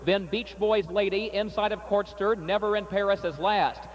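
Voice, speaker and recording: A man calling a harness race as the track announcer, reading entries and calling the running order in crisp broadcast style. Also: high-pitched, poor audio. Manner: rapid crisp calling, rising excitement in stretch. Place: outdoor racetrack.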